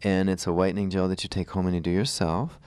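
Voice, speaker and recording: A man's voice: sits low, flat delivery, fast, a little mellow, clear, resonant tone, no room sound. A man hosting a conversational radio show, explaining things in an informal way. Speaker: radio show host, dentist.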